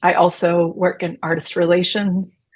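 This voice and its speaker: A woman's voice: lowish voice, little pitch movement, unhurried, husky, no echo. A woman in her early forties from Dallas, Texas, chatting casually as an interview guest, joking and self-deprecating, talking out of the side of her mouth. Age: early 40s. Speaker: guest, touring production coordinator.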